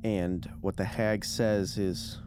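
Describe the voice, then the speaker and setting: A man running a tabletop role-playing game, narrating deliberately and with suspense as game master. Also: on the low side, steady tone, noisy background.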